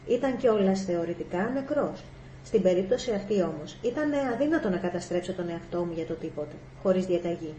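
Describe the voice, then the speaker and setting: A woman voicing a polite, reasoning male robot, speaking in a measured, deferential way. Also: on the low side, animated, dark tone, slight background noise, lightly acted. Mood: earnest, deferential. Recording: echoey room, faint ambience.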